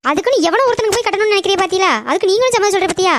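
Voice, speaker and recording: Sulky money-minded cartoon mother, sharp retorts, high and fast, a woman voicing her. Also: no echo. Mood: grumbling. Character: greedy, sulky mother obsessed with property.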